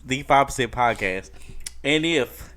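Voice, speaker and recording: Drunk dude hosting a podcast, loud and jokey, bright punchy voice. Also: male voice, mid-range voice, expressive, a little slow. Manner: boisterous, joking sign-off patter. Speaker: podcast host. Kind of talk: casual group chat.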